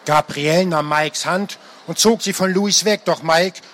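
A man with a high-pitched voice reads a story aloud, shaping it dramatically and with expression. He reads it as an author reading his own book. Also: unhurried, fairly bright tone.

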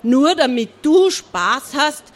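A woman voicing an angry, boastful male pirate captain in a children's story, shouting in a lower, growling voice. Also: animated, slow. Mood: furious. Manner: loud, growling, indignant.

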